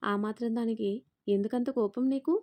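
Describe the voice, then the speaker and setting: A woman's voice: on the high side, fairly even intonation, moderate pace, mellow, close to an everyday voice. A woman doing a haughty, taunting mother-in-law. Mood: scornful. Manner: taunting, scornful. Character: sharp-tongued middle-aged mother-in-law, haughty.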